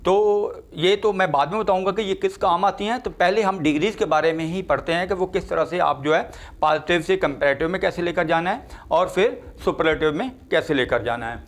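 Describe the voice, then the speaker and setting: An older man teaching English grammar, slowly repeating each word form as he drills his students. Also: sits high. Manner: slow, repetitive drilling of word forms. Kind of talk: grammar lecture.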